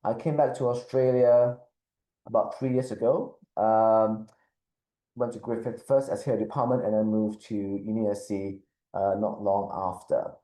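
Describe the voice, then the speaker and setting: A middle-aged man from Malaysia, a business school dean, giving a measured webinar talk and often repeating words as he thinks. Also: lowish voice, steady tone, mellow, echoey room, rough recording. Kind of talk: webinar presentation.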